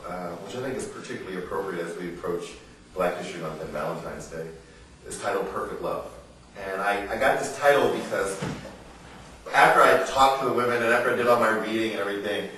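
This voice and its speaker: In a lowish, fairly bright voice, an American writer performs a public reading at an indoor literary salon, interspersed with relaxed remarks to those listening. Rhetorical questions punctuate his earnest, emphatic delivery. The sound is distant and echoey, typical of a roomy live venue, with a faint noise floor.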